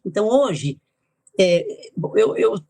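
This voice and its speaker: With a slow, animated delivery, this older Italian guest author reminisces chattily about her life in a podcast interview, laughing lightly between thoughts. Her medium-pitched voice is gravelly and dark in tone. The sound is close and dry, lacking any room echo.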